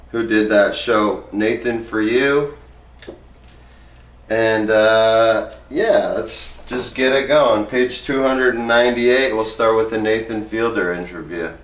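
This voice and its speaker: A presenter with a lowish, slightly bright voice reads passages from a book, handling both interviewer and interviewee in his own voice. He sounds casual and straightforward. A distant mic gives the audio a roomy echo.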